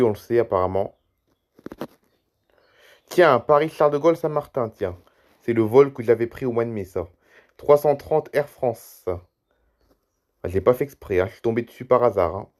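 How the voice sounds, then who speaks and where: A man's voice: medium pitch, normal speed, long pauses, a little mellow. A tired man YouTuber giving rambling, chatty commentary over a screen recording, reading out flight routes one after another.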